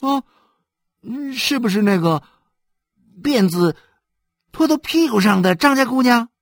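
A man voicing a chatty eight-year-old boy in a story, with a raised, lively voice. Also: very high-pitched, a little slow, gravelly, no echo, studio quality, pitched above the performer's own voice, full character voice. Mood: eager.

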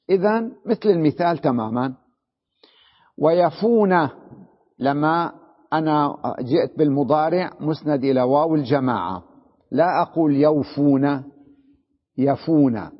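A man teaching an Arabic grammar lesson, explaining step by step, repeating examples and asking the class questions. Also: mid-range voice. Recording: dull, echoey hall recording.

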